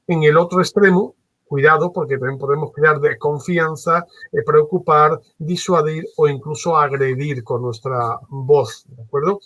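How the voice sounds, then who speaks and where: A man gives a workshop lecture, changing his tone on purpose to show his points. His voice is husky and a little high, and it is recorded dry and close. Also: a little slow, no echo, low-quality recording. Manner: animated, varies his tone on purpose, uses many fillers. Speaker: trainer. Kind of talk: workshop lecture on phone customer service.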